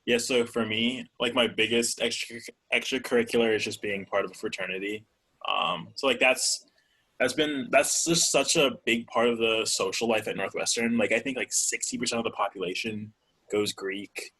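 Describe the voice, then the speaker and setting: A young man from Georgia, a guest in a casual interview, speaking haltingly with lots of fillers. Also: mid-range voice, steady tone, bright, forceful tone, husky, low-quality recording. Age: young adult. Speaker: guest, college student.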